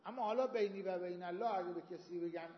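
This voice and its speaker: Male seminary teacher, high voice, explanatory lecture style, roomy hall recording. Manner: explains with everyday examples, quotes Arabic texts. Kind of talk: Islamic jurisprudence lecture. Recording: echoey hall, dull lo-fi sound.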